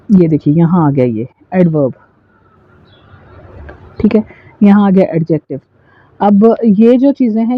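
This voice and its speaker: An English teacher, explaining a textbook lesson. The teacher reads English lines aloud, then explains each one slowly. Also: mid-range voice. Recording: tinny phone-like, dry sound.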